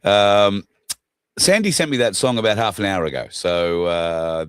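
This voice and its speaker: A man's voice: on the low side, unhurried, clean tone, no echo, clean studio sound. A wheezy man with a chesty cough, chatting casually and ramblingly as host of a livestream. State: chesty cough, getting over flu. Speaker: show host.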